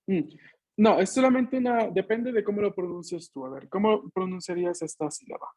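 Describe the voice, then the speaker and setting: A man's voice: high-pitched, a little mellow. Patient man teaching a language class. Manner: explains patiently, ending phrases with tag questions; models sounds slowly for repetition. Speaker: Japanese teacher. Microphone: video call.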